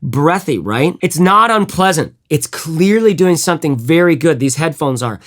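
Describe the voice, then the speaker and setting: A headphone reviewer with a fairly high-pitched voice talks through his gear in a relaxed, off-the-cuff chat at normal speed. He rambles, stumbles over restarts and swears now and then, occasionally humming some music to illustrate a point.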